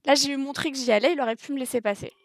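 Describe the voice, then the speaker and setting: A woman with a high-sitting voice talks very fast, with no echo, while streaming a racing game. She's excitable, chatting to her viewers, yelping at her own mistakes and mocking herself in live gameplay commentary. Racing engine noise runs behind her.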